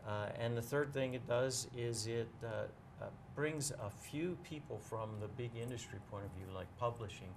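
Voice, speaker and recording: Against a noisy background, a man with a mid-range voice speaks as a bookseller guest in a casual interview. He explains carefully and stops now and then to find the right words.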